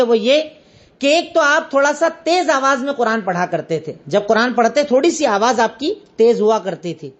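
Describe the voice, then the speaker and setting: High-voiced woman teaching an Islamic lesson. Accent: Indian Urdu. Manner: explains step by step, repeats references. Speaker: religious teacher.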